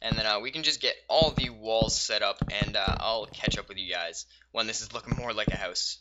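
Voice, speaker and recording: A gaming YouTuber casually narrates a let's-play while building, thinking out loud through frequent pauses and fillers, then breaking into sudden excitement. His voice sits fairly low, the top end is cut off, and the audio is very noisy.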